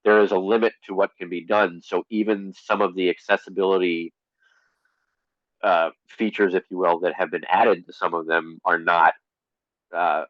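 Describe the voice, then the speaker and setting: A man speaking as an interview guest in a relaxed, conversational way, with a dry, deadpan humor. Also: low voice, moderate pace, no echo, lo-fi sound. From Connecticut, USA.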